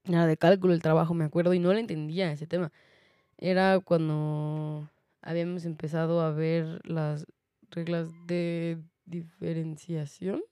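A young woman with a Mexican accent tells a personal story in a chatty, casual monologue, laughing often and using many fillers. Her voice is low-pitched, warm, clear, and resonant, with a level tone at a moderate pace, recorded in a clean studio with no room sound.

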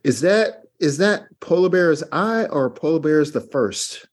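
A man's voice: on the high side, animated, a little slow. A man making amused asides in casual podcast chat.

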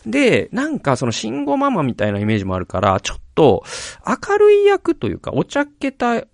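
A male podcast host chatting casually and animatedly, his pitch rising and falling a lot as he rambles. He keeps breaking off mid-thought and starting over. The sound is dry and close, with no room echo. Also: moderate pace, creaky. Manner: animated, rambling, often restarts his sentences. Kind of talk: casual chat about film acting.

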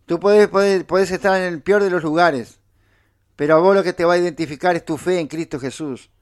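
A man's voice: sits high, fairly even intonation, a little fast. A man preaching a sermon, emphatic and repetitive, drawing out key phrases.

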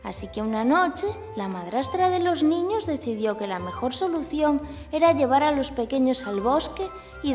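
A woman's voice: a little high, big-room sound. A woman speaking like a kids show host, narrating a scripted children's story to young listeners. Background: music.

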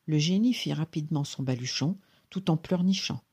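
Husky-voiced narrator for a read-aloud folk tale, gentle and even. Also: medium pitch, moderate pace. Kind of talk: storybook reading aloud.

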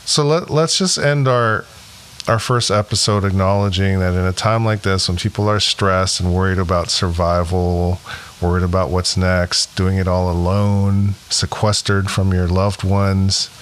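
A man's voice: deep voice, steady tone, measured pace, slight background noise. A man hosting a casual podcast, talking in an earnest, reflective way with some joking. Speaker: podcast host.

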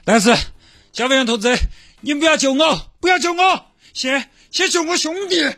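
A man voicing a drunk man stuck in a river who frantically begs for help, in a husky, shrill voice. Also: lively intonation, normal speed, pushed and bright, no room sound, exaggerated voice. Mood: frantic pleading. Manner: panicky, begging, repeats himself. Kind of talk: comedy radio sketch.

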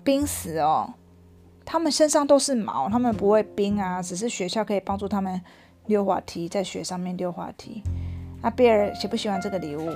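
A mother reading a picture book aloud to her child, lively and stopping to ask questions. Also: medium pitch, fairly quick, faint music behind.

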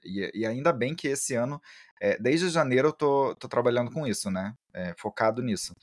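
A man speaks as a podcast guest. His delivery is halting, full of restarts and hedging. His pitch sits in an ordinary middle range, and he is captured on a dry close mic with no room sound. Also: expressive, dry recording. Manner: halting, many restarts, self-described shy. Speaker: interview guest, book content creator. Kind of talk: casual interview chat.

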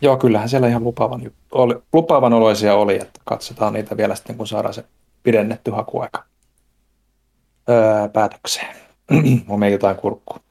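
A young man co-hosting a casual podcast chat, relaxed, at times reading a poem aloud slowly. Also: on the low side, gravelly. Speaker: podcast co-host.

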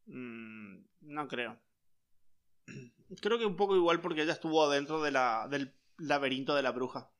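A man chats casually about a series. His voice is bright and somewhat high for a man. He comes across as wry and keeps chiming in with quick agreeing asides. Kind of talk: casual chat recapping a series.

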